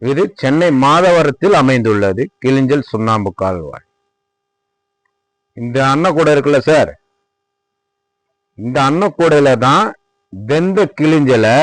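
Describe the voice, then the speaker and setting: A lime manufacturer with a Tamil Nadu accent shows off his own workshop at a lime kiln worksite, giving an informal tour and sales pitch. He demonstrates as he talks, repeats himself, and respectfully calls the viewer "sir." The recording is dry and rough.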